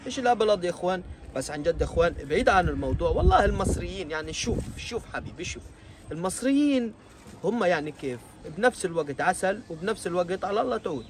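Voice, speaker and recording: Racing along in a high, expressive voice, a man hosts a reaction video, ranting with mock outrage and exasperation. It's comic reaction commentary.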